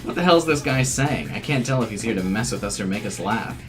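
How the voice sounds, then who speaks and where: A man's voice: on the low side, expressive, fairly quick, a bit bright. A man giving casual playthrough commentary, reading game narration aloud and reacting to it. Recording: game music behind.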